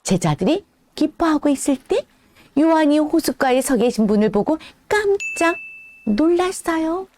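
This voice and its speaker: A woman as a children's church teacher, telling a Bible story to toddlers in a gentle, animated way. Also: sits high, moderate pace, slight background noise.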